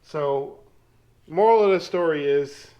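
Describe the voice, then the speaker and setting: Man, fabricator vlogging from his garage, unhurried, slightly high voice, explains as he works. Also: muffled recording, slight background noise. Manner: relaxed, explains work step by step while working. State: out of breath at times. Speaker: metal fabricator. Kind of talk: casual shop vlog talk.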